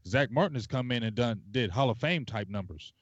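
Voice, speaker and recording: A man co-hosting a casual sports livestream, talking passionately and rambling with drawn-out fillers. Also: medium pitch, lively intonation, dry recording. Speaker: podcast co-host. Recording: dull lo-fi sound.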